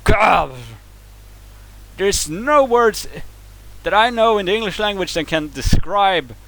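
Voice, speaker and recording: Reacting to a video, a Swedish-accented vlogger whose native tongue is Swedish launches into an angry, swearing rant, stumbling and restarting words. His voice sits high and sounds gravelly and fairly bright, speaking slowly with lively intonation, and the recording quality is poor.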